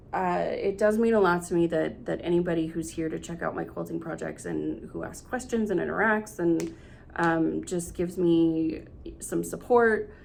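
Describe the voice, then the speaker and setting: A woman's voice: lowish voice, creaky, a little hiss or hum. A woman hosting her craft channel, chatting casually with many ums and restarts while she shows her quilts. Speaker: quilting and cross-stitch channel host. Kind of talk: casual chat.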